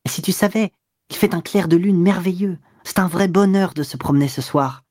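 A man's voice: mid-range voice, fairly even intonation, normal speed, darkish tone, no room sound, clean studio sound, lightly acted. A man putting on a proud, cold-tempered young woman. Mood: lively. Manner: cold, curt, disdainful replies. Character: spirited young woman, proud, quick to anger. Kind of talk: audiobook dialogue.

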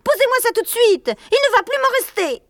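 A man's voice: very high-pitched, expressive, quick pace, creaky, bright, forceful tone, dry recording, voice pushed up, exaggerated voice. A man voicing a greedy, territorial rat who screeches and snaps insults in a storybook reading. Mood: shrill, furious. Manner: shrieking, snapping insults.

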